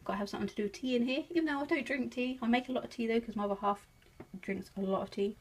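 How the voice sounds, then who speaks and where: Very fast and a little high-pitched, this English-accented woman talks against slight background noise. She's a craft vlogger from England whose casual show-and-tell is chatty, full of laughter and self-mockery.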